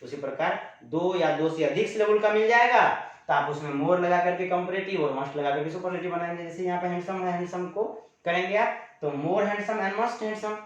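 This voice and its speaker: Echoey male grammar teacher. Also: sits high. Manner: explains slowly, repeating definitions, drawing out example words. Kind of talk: classroom lecture. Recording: echoey room, dull lo-fi sound.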